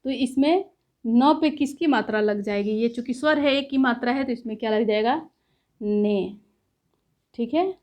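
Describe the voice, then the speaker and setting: A woman teaching a lesson, explaining step by step, asking herself questions and pausing often to check in. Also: fairly high pitch, darkish tone. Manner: says "ठीक है" after points. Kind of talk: classroom lecture.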